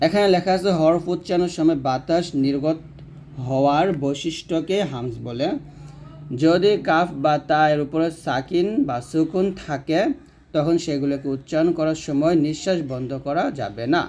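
A man teaching Quran letter pronunciation, drilling each syllable slowly and asking listeners to repeat after him. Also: a little high, darkish tone, slight background noise. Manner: slow, deliberate drill of letter sounds with repetition. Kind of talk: tutorial lesson.

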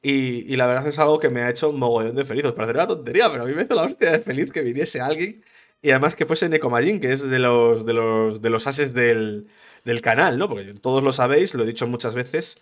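A man's voice: medium pitch, quick pace. A man hosting a casual solo podcast, rambling and chatty, with frequent restarts and swearing. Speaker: podcast host, gaming streamer.

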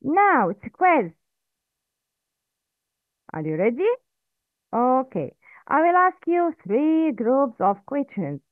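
A woman teaching Quran recitation rules in a slow, patient lesson, spelling out each sound step by step. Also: high voice, very animated, no room sound. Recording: tinny phone-like audio.

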